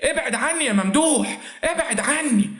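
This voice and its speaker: Male narrator putting on a shrill, theatrical Egyptian stepmother who swoops high and wide; audio story, roomy echo. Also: big pitch swings, fairly quick, a bit bright. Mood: shrieking. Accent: Egyptian Arabic. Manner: shrill, histrionic outbursts.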